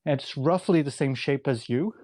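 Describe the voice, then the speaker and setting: Guy on a call explaining stuff slow and steady, dry close sound, mellow tone. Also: medium pitch, dry recording. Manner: measured, lecturing. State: out of breath. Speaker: community member. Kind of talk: explanatory discussion. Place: remote call.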